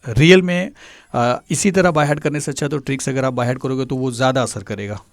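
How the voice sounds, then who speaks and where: A male tutor explaining a memory trick step by step, pausing often with filler sounds. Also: mid-range voice, no echo. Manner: hesitant, many filler sounds.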